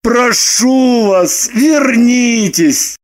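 An actor playing an excitable young man who bursts into shouts and pleads desperately. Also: high voice, unhurried, full character voice. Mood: pleading. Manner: loud, shouting outbursts.

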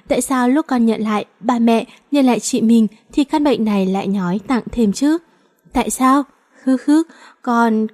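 A woman reading aloud as a frail, gentle teenage girl who falters and sobs. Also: fairly high pitch, natural voice. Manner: weak, faltering, sobbing.

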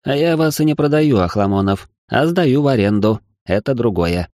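A man voicing a loud, excitable male partner who scolds and bosses in an audiobook reading. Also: mid-range voice, moderate pace, no room sound, studio quality, voice pushed up, lightly acted. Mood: bossy. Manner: shouting, exasperated scolding.

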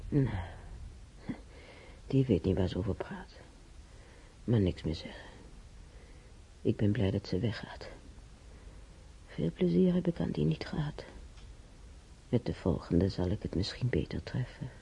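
An actress plays a weary, timid elderly former housemaid in a naturalistic radio drama of monologue and dialogue, musing in a halting, sighing delivery. Her older female voice is very deep, breathy, husky, and mellow, yet very animated and exaggerated. The radio play recording sounds dull and muffled.

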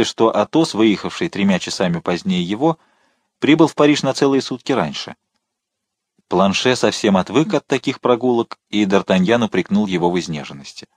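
A man narrating a novel as an audiobook, in a measured, expressive reading. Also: fairly low pitch, breathy edge, no room sound.

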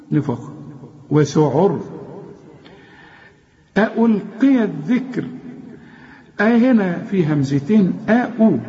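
A man with an Egyptian accent teaching the rules of Quran recitation, explaining each rule plainly and then chanting the verse slowly. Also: high voice, darkish tone, lo-fi sound. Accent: Egyptian Arabic. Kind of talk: tajweed lesson with recited examples.

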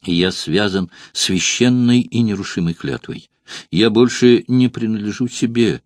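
A man's voice: lowish voice, unhurried, dry recording. A man voicing an anguished gladiator whose voice trembles with grief. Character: anguished gladiator, bound by an oath.

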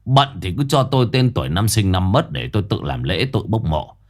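A man voicing a greedy, crafty old fake sorcerer who talks low and wheedling. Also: sing-song, brisk, a little mellow. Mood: sly. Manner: low, gruff, sly and wheedling.

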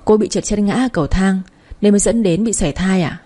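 A woman's voice: medium pitch, fast talker, dark tone, husky, close to an everyday voice. A woman voicing a young husband who apologizes hesitantly with his head bowed, in an audio story. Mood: apologetic.

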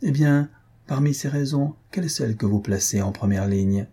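A man's voice: mid-range voice, moderate pace, mellow, slightly rough, pitched above the performer's own voice. A man voicing a thoughtful young woman who questions her sister in an insistent, probing way, for an audiobook. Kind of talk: audiobook character voice.

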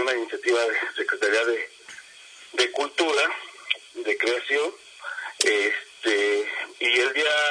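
Male union leader, bright voice, formal and halting. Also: mid-range voice, a little hiss or hum, rough recording. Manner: formal, with restarts and fillers. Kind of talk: public statement.

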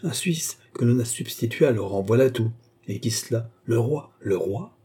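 A man with a husky, dark voice reading a distressed young queen who pleads breathlessly in a classic French novel audiobook. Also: medium pitch, animated, moderate pace. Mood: exasperated.

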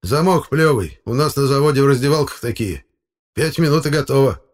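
A man's voice: mid-range voice, lively intonation, a little fast, voice pushed up, natural voice. A man voicing an older former factory worker, grumbling and offhand.

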